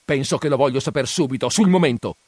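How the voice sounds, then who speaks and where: A man reading aloud voices an angry, hot-tempered young peasant who makes forceful, insistent demands. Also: medium pitch, quick pace, slightly rough, no echo, voice pushed up, natural voice. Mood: threatening.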